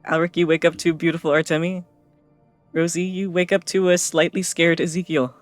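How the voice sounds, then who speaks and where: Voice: medium pitch, level tone, fairly quick, no room sound, soft background music. A game master narrating scenes and calling for rolls with wry humor.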